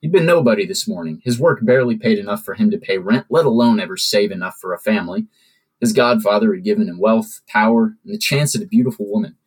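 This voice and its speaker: A man, a podcast host, reading his own original fiction aloud in steady storytelling narration. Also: on the low side, fast talker, slightly rough, poor audio.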